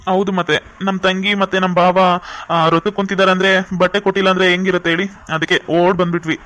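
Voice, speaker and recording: A man's voice: high-pitched, flat delivery, fast, pushed and bright. A man voicing an affectionate older brother in a cartoon, earnest and reassuring. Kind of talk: cartoon voice acting.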